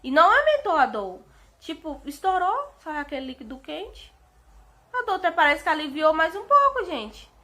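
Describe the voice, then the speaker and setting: A woman's voice: very high-pitched, normal speed. A young Brazilian woman with a Brazilian Portuguese accent, telling a personal story in a chatty vlog and often addressing her viewers. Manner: chatty, keeps saying "gente" to viewers; animated retelling with emotional outbursts. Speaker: vlogger.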